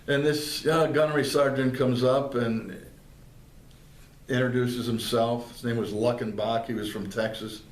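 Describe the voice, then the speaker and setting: A man's voice: medium pitch, steady tone, measured pace. An older man from northeastern Pennsylvania, telling his service stories in a plainspoken way with many fillers and restarts, interviewed in a library. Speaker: veteran interviewee. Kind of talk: oral history interview. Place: public library room. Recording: roomy, with faint background noise.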